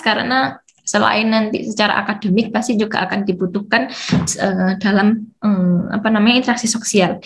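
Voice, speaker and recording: A woman's voice: mid-range voice, a little hiss or hum. A woman leading a parent seminar as an educator, explaining patiently with frequent fillers and reading out questions. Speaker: educator for parents of children with hearing technology.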